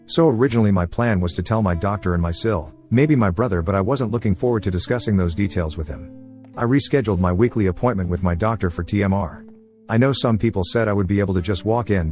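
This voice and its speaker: A man narrating forum posts as a story, reading quickly with few pauses. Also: lowish voice, darkish tone. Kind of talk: fast scripted story reading.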